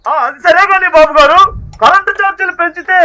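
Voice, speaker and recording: Man playing a very high, bright junior politician. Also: fast talker, exaggerated voice. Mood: mock-respectful. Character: deferential junior male politician, a needling disciple. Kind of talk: satirical street play.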